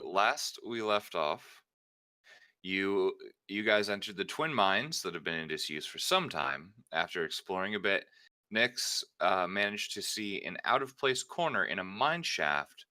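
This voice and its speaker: A male game master with a low, bright voice talks through a tabletop game. He moves between storytelling and table talk, with lively swings in pitch. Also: unhurried, dry recording.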